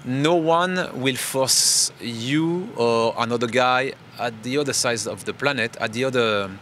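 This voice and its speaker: A man's voice: mid-range voice, a bit bright, slight background noise. A French man speaking English as a second language in a casual interview, reflective and restarting his phrases often. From France. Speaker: interview guest.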